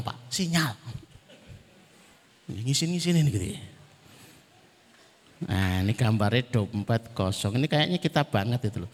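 A man's voice: mid-range voice, slightly rough. A man with a Javanese accent giving a humorous sermon, telling stories and acting out quotes. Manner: lively storytelling with acted quotes, mixing in Javanese. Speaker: preacher. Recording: long hall reverb.

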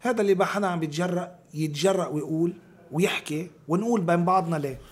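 A man's voice: sits high, rapid-fire. A man with a Lebanese accent in an informal political discussion, talking emphatically with repeated phrases and rhetorical questions.

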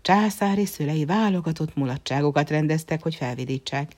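A storyteller reading a fairy tale aloud, letting the ends of phrases sink to a hushed near-whisper. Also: medium pitch.

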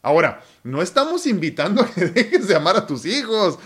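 A man's voice: high-pitched, sing-song, normal speed, fairly bright tone, slight background noise. Male co-host, playful and talkative. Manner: joking and expansive, laughs often. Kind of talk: casual live-stream chat.

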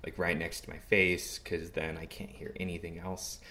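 Male, very low voice, loose conversational delivery, lots of "like.". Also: moderate pace. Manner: relaxed, rambling with many "like"s. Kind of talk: casual conversation.

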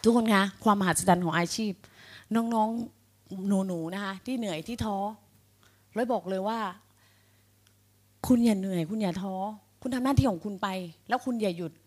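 An energetic middle-aged woman speaks to a live room of sales agents in a rallying pep-talk style. She keeps throwing questions at the crowd and drives her points home with conviction. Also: medium pitch, moderate pace. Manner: energetic, rallying, addresses audience directly with questions. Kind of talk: motivational speech to a live audience.

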